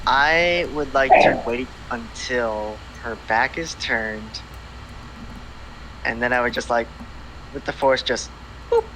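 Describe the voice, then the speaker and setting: A man chats at a tabletop game session in an easygoing, playful way. His voice sits at a middle pitch, and a steady hum is clearly audible behind him. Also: takes it slowly, long pauses. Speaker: player. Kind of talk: casual chat at a game table.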